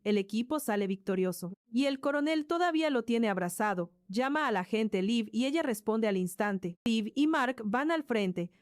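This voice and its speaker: A woman's voice: on the high side, dry recording, clean studio sound. A woman narrating a story in a scripted way, voicing sound effects like crashes and thuds along the way.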